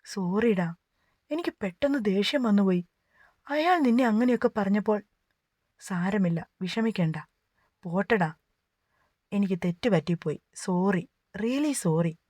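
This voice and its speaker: A woman's voice: mid-range voice, animated, a little slow, long pauses, darkish tone, dry recording, clean studio sound. A woman voicing an affectionate young husband who speaks in a coaxing, sing-song way in a romance audiobook. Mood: apologetic.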